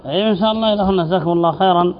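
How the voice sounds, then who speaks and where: High-voiced man teaching a grammar lesson. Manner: reads text aloud then explains, repeating word forms slowly; asks students questions. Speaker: sheikh teaching Arabic grammar and rhetoric. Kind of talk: classical text commentary lesson. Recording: dull lo-fi lecture recording with faint hiss.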